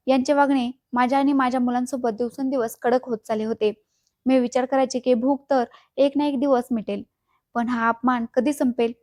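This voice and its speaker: A woman's voice: fairly high pitch, a little mellow, no room sound, studio quality. Woman narrating a sorrowful story. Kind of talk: emotional first-person story narration.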